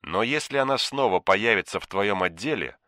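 A man's voice: fairly low pitch, animated, no echo, clean studio sound. A man voicing a cold, menacing phone boss. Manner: quiet, contemptuous, slow and deliberate. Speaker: shadowy superior giving orders.

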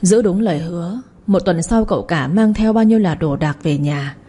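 A woman's voice: lowish voice, normal speed, dark tone, breathy edge. A woman narrating a serialized family drama, reading every character's lines herself. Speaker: storyteller.

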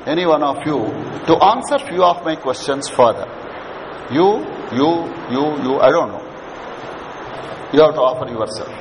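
A man with an Indian accent and a voice on the high side leads a management session for students in a large hall. He lectures interactively, prodding listeners with questions and repeating his points. The hall is echoey and the background clearly noisy.

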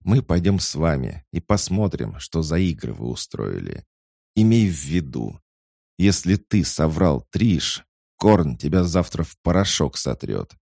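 A man voicing an angry, sharp-tongued young woman mage who speaks in accusing, threatening tones. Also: a bass voice, animated, measured pace, no room sound, studio quality, pitched above the performer's own voice, full character voice.

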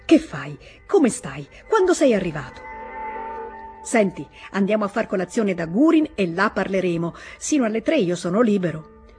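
A hearty, cheerful middle-aged gentleman in an audiobook scene, voiced by a woman reader. He speaks in a friendly, booming manner, with faint music underneath. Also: big pitch swings, normal speed, close to an everyday voice.

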